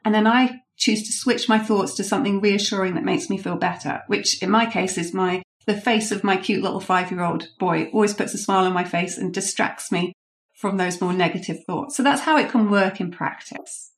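Woman, leadership coach, podcast guest, explanatory, anecdotal, mid pitch. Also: moderate pace. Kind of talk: podcast interview answers.

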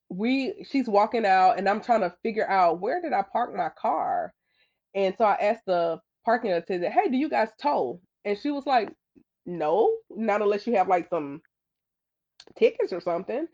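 Woman podcast guest, earnest storyteller, mid-pitched, slightly muffled recording. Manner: earnest, animated when quoting others. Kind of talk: conversational storytelling. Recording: slightly dull lo-fi audio.

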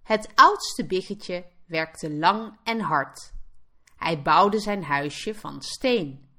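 Woman teacher, storybook narrator for learners; slow, clear, animated, bright tone. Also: fairly low pitch. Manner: clear, expressive read-aloud. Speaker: Dutch teacher.

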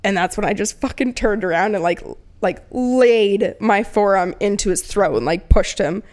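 A young woman co-hosting a podcast, chatting casually and telling animated stories with plenty of swearing. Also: mid-range voice, moderate pace. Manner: swears freely, animated storytelling. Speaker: podcast co-host. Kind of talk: casual chat.

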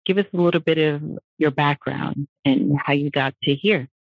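A woman's voice: deep voice, moderate pace, no echo, dull audio. A woman hosting an interview, who asks her guest questions in a friendly, encouraging way. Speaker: host.

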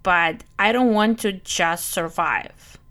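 A woman in her thirties hosts a conversational, scripted solo travel podcast, drawing on her work as a family travel planner. Born in Europe and moved to the US in her youth, she speaks with a Russian accent touched by Brooklyn. Her voice is on the low side, slow, and a bit bright.

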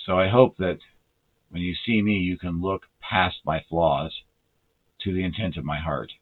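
A man preaching a sermon in an earnest, measured way, slowing down to stress key words. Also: deep voice, steady tone, breathy edge. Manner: earnest, measured, with slow deliberate emphasis; self-described dry sense of humor. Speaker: lay preacher. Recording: tinny phone-like audio.

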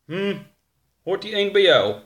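A man voicing a stern, suspicious man of about fifty in a storybook reading, gruff and commanding. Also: high voice, big pitch swings, slow pace, fairly bright tone, voice pushed up, full character voice.

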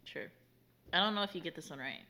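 A woman's voice: fairly low pitch, lively intonation, fast talker, pushed and bright. A woman business coach hosting a casual, teasing quiz with her husband, laughing often.

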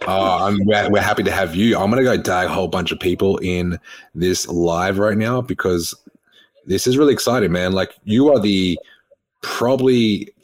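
Excitable male host, 30s, deep-ish voice, casual slangy delivery. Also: normal speed. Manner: excitable, slangy, lots of "bro" and "like". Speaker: podcast host. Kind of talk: casual chat.

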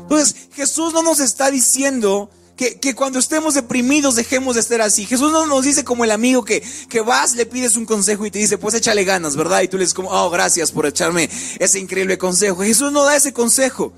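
A man's voice: extremely high pitch, brisk, hardly any pauses. A man preaching a sermon with a sing-song cadence, often repeating words as he goes. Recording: faint music behind.

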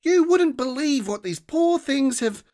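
Narrator as a high-voiced, flustered girl who stammers, then gets indignant. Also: expressive, slow, dry recording, clean studio sound. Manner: stammering, high-pitched, shrill.

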